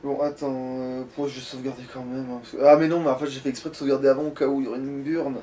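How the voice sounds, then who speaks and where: A man's voice: mid-range voice, level tone, racing, mellow. A man hosting a casual let's-play, chatting crudely and swearing as he plays. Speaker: gaming video host, playing. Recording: faint background noise.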